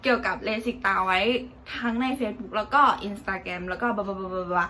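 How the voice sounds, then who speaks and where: A young woman vlogger telling a casual, animated story about her own experience, chatty and loose with slang. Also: medium pitch, normal speed. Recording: loud background noise.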